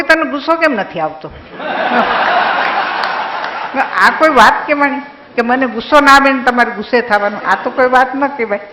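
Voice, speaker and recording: An older woman giving a personal reminiscence speech about her husband, with a gently humorous storytelling manner. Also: high voice, roomy sound, poor audio. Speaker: speaker's wife giving a tribute.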